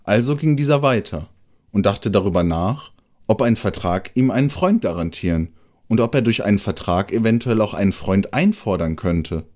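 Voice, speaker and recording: A man reading a fable aloud as narrator in an expressive, melodic way. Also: on the low side, normal speed. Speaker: storyteller. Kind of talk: scripted narration of a children's fable.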